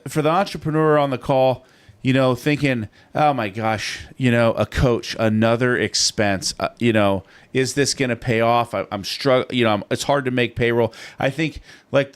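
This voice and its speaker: A man's voice: medium pitch, clear, resonant tone. A man hosting a podcast interview, asking long, meandering questions with many fillers. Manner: rambling questions full of fillers. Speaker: podcast host.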